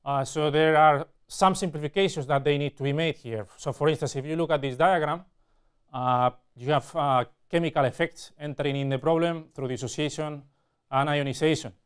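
A man in his forties giving a technical university lecture, explaining step by step with frequent pauses mid-phrase. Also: a little high, fairly even intonation, smooth. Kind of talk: technical lecture at a whiteboard with slides. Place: indoor classroom or studio with whiteboard.

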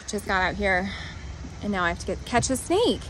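Speaking slowly with big swings in her medium-pitched voice, a vlogger in her forties rambles through a flustered story outdoors in a parking lot. She films selfie-style with the phone at arm's length, sighing frequently over a noisy background.

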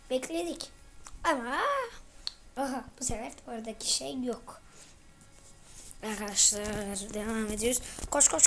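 Woman gamer, high voice, excitable, yells at the game, noisy recording. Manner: excitable, shouts and mutters at the game. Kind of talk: let's play commentary.

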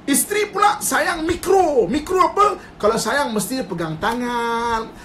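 A man's voice: extremely high pitch, lively intonation, unhurried, sharp tone, a little hiss or hum. A man with a Malaysian Malay accent giving an informal religious talk on a live stream. He mixes in English terms, laughs often and acts out quoted husbands and wives. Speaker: Islamic religious teacher. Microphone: phone live stream.

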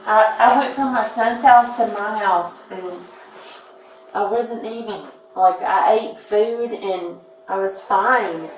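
A woman's voice: mid-range voice, takes it slowly. A woman, rambling and pleading while being held by police. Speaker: person being arrested. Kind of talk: police custody recording. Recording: echoey room, distant mic, background noise.

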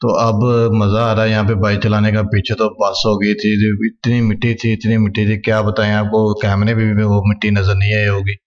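A man's voice: fairly low pitch, completely flat delivery, fairly quick, few pauses, dull audio. Chatty young man narrating from a motorbike. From Pakistan. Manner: chatty, talks to viewers while riding. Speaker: travel vlogger. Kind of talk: casual travel vlog narration. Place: outdoors on a motorbike on a highway.

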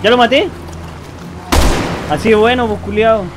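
High excitable Chilean gamer guy. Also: normal speed, background noise. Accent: Chilean Spanish. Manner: excitable, swearing, yelling at his partner. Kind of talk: co-op let's play commentary. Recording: game music behind.

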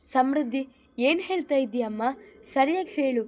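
A stern mother-in-law from a spoken family drama, grave and questioning, as a woman reads her lines. The voice is high for a woman. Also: lively intonation, normal speed, a little mellow, a little hiss or hum. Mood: worried.

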